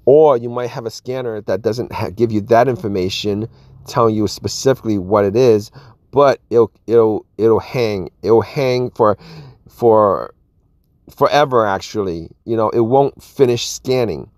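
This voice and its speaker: A man's voice: fairly low pitch, measured pace, darkish tone, no room sound. A man casually explaining a car repair, rambling and often saying "all right" and "you guys". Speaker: car repair video host. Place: outdoors at an open car engine bay.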